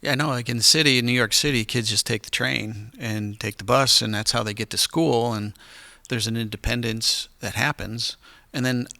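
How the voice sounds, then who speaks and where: A man's voice: medium pitch, steady tone, moderate pace, gravelly, few pauses, bright, forceful tone, dry recording. A man hosting a podcast, chatty and prompting his guest with questions and rambling asides. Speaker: podcast host. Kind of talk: casual interview chat.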